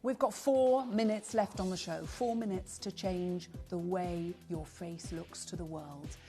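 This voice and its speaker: A woman's voice: on the low side, fairly even intonation, dark tone, soft background music. A woman in her sixties presenting on a live shopping channel, chatty and urgent as she rattles off buyers' names. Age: 60s. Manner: chatty, rapid roll-call of buyers, upbeat urgency. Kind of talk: live TV sales pitch.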